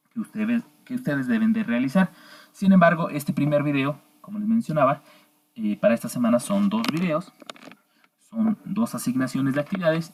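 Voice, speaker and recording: A middle-aged man recording a course lecture as an engineering instructor, explaining at an unhurried pace with many filler pauses and restarts. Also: mid-range voice, darkish tone.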